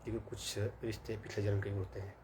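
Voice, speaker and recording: A man's voice: on the low side, little pitch movement, quick pace, noisy background. Man telling a rambling story. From Himachal Pradesh, India. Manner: rambling, many fillers and quoted dialogue. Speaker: vlogger. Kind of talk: casual storytelling monologue.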